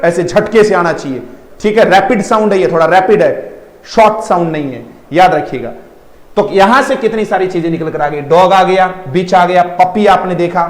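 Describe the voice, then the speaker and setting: A man's voice: high-pitched, reverberant. A man teaching an online vocabulary lesson, repeating words in drills and coaxing his students to answer. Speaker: English teacher.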